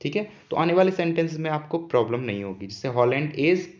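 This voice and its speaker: A man's voice: fairly high pitch, lively intonation, fairly quick. A man who teaches English grammar patiently and often repeats key points as questions for the students. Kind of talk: explaining an English grammar lesson. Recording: dull lo-fi sound.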